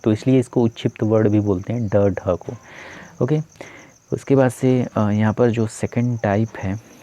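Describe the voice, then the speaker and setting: A man's voice: on the low side, fairly even intonation, unhurried, mellow. A man teaching grammar for exam preparation, explaining step by step and repeating key terms, often saying "ठीक है" and "अ". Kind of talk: exam-prep grammar lesson. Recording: dull lo-fi recording.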